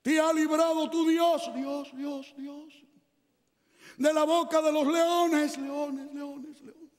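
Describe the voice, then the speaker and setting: An anguished ancient king, as a male preacher acts him out in a sermon, pleading in a high voice. He draws every word out slowly and solemnly. The sound rings with the long reverb of a hall. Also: darkish tone. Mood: calling out. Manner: slow, emphatic and solemn.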